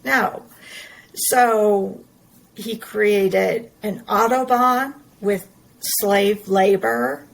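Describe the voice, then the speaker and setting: Slow, gravelly-voiced woman in earnest monologue. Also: medium pitch, steady tone, low-quality recording. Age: middle-aged. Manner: earnest, emphatic, repeats words, slow deliberate delivery. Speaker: podcast host. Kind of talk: personal monologue.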